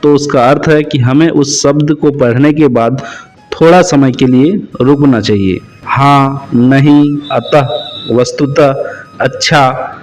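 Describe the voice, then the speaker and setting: Hindi grammar teacher, slow stressed examples. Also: male voice, mid-range voice, soft background music, poor audio. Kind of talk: explanatory lesson.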